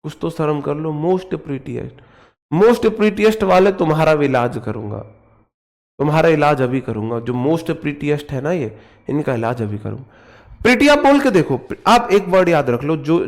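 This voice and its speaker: A man's voice: a little high, a little mellow. A young man with a North Indian Hindi accent teaching English grammar in an online class, joking with and playfully scolding his students as he drills words.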